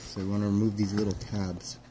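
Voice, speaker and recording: Guy walking through a console repair, kinda low voice, rambly, bit of noise behind. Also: level tone, fast, mellow. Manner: explanatory, rambling, self-correcting. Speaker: repair technician explaining hardware. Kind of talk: casual hands-on demonstration.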